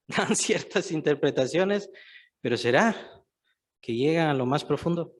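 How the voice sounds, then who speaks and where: A man's voice: on the high side, lively intonation, measured pace. A man preaching a sermon, stressing points by repeating phrases and putting questions to the listeners.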